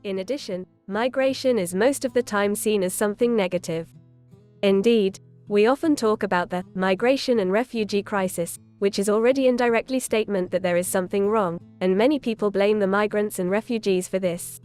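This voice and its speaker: A woman reading scripted documentary narration in an even, informative way. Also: medium pitch, fairly quick, smooth, soft background music.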